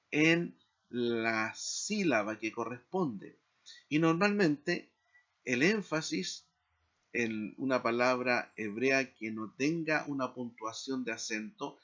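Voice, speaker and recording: A man teaching a seminary Hebrew lesson in a slow, deliberate lecture style, checking in with short tag questions. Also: medium pitch, a bit bright, muffled recording. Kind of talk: recorded lecture.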